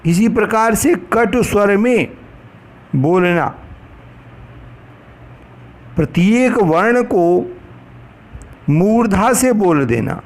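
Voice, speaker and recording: A man teaching a lesson in a slow, deliberate way, laying out each point one by one. His voice sits high for a man, and he recites verses in a chanting cadence. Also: lively intonation. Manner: slow, measured explanation, recites Sanskrit verses. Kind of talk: lecture on pronunciation for trainee teachers.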